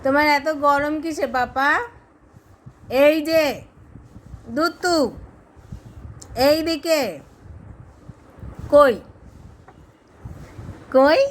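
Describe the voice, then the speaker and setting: A young mother with a Bengali accent coaxing her baby in sing-song baby talk, often rising into high playful squeals. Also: steady tone, very slow, pauses often.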